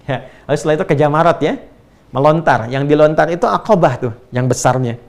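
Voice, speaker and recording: A preacher with a slightly high voice talks through a religious lesson in an easy, conversational way. He keeps checking in with his listeners and asks rhetorical questions. He breaks into recited Arabic verses now and then. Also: fast. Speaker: Islamic preacher. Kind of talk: sermon-style religious lecture.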